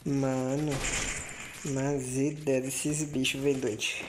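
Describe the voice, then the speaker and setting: Woman streamer, low voice, hushed excitable game commentary, noisy audio with clicks. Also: very slow. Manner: keeps voice down, can't narrate loudly; excitable, swears and groans at missed shots. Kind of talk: live mobile shooter gameplay commentary.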